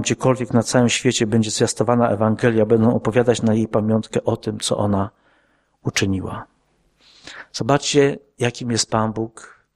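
A man earnestly preaches to his congregation, posing rhetorical questions and lowering his voice for quoted words.

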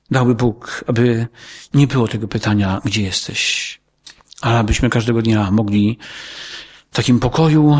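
Husky, earnest male preacher. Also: medium pitch. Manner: earnest, repetitive, pleading. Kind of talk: sermon.

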